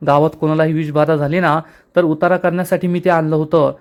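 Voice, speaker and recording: A man's voice: a little high, level tone, a little fast, lightly acted. A man reading the lines of an urgent, pleading young village woman.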